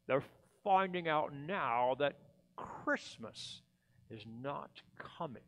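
A man's voice: fairly high pitch, lively intonation, takes it slowly, in a large hall, pitched below the performer's own voice. A man voicing a gleeful, sneering, grumpy Christmas-hating creature in a storybook, mocking and theatrical. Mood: gloating.

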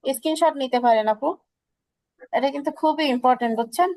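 A woman teacher with a high, clear voice runs an online pronunciation class. She repeats each letter sound patiently and explains slowly. The sound is dry and close. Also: a little mellow, no room sound, low-quality recording. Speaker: Quran recitation teacher.

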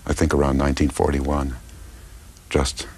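Older man, very deep low voice, hesitant and reflective, interview answers. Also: completely flat delivery, normal speed, husky. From United States. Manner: thoughtful, hesitant, many fillers and restarts. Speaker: political philosopher and translator.

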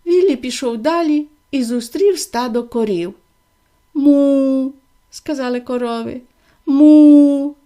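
A woman gently and expressively reading a children's fairy tale aloud. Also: fairly high pitch, normal speed, hardly any pauses. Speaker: storyteller.

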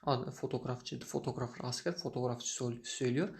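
A man teaching English who reads a short story and translates it line by line, pausing often with filler sounds. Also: mid-range voice, steady tone, gravelly. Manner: halting, many filler sounds.

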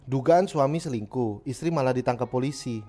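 A man's voice: mid-range voice, a little fast, mellow. A man, a livestream host who reads viewer messages and gives joking, slangy advice. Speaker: streamer reading viewer messages. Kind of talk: casual livestream chat.

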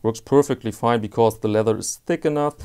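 A man's voice: mid-range voice, fairly quick, warm tone, smooth. A man giving a casual watch strap review, hesitant and often repeating words as he searches for them, with candid personal opinions.

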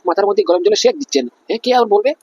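A man's voice: sits high, lively intonation, rapid-fire, a little mellow, husky, lo-fi sound. A man voicing an angry male briber who badgers a police officer, indignant and demanding in a cartoon comedy. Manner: indignant, badgering, repeats "hyan?".

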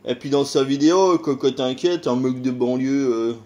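Rambling in a casual video monologue, a middle-aged man with a French accent hesitates often, filling his talk with sighs, filler sounds and rhetorical questions. He's a YouTuber whose warm, medium-pitched voice moves at a moderate pace.

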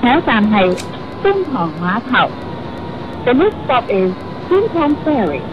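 A woman's pre-recorded bus stop announcement, with separate words spliced together and jumps in tone between phrases, announced slowly and with careful enunciation. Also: on the high side, big pitch swings. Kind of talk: automated transit announcement. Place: inside a moving bus. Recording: lo-fi bus loudspeaker with engine noise.

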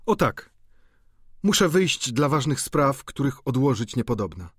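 A man voicing an earnest young student, eager and anxious, his voice lifted higher than the narration and lively in tone. It sounds dry and close, read for an audiobook. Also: unhurried, husky, dry recording. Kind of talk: audiobook character reading.

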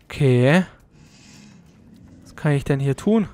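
A let's play commentator talks through a puzzle live. Their voice turns soft and soothing when coaxing the companion creature. Between prompts they wonder aloud what to do next, with mild, muttered frustration. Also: medium pitch, animated, takes it slowly.

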